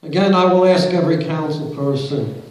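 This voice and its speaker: A middle-aged man with a higher than usual, slightly mellow voice speaks at a podium during public comment at a council meeting, reading quotes aloud and asking pointed, confrontational questions. His intonation is fairly even and his speed normal. A far-off camera in the audience picks up the podium mic, so the large indoor council chamber sounds very echoey and booming.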